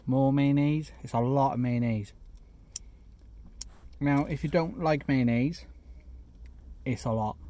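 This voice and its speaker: A man in his parked car chats casually about a chicken burger he is eating, now and then talking through a mouthful. His voice sits at an ordinary middle pitch. He breaks off for quick, self-mocking asides. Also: warm tone, no room sound. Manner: chatty, eats while talking, self-deprecating asides. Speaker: food reviewer. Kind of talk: casual food review vlog. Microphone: phone camera.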